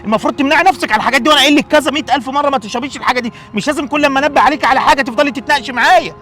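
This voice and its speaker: A man's voice: high-pitched, very fast, bright, forceful tone. A man with an Egyptian accent playing a stern middle-aged father who lectures and scolds his family in a skit. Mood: scolding. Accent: Egyptian Arabic.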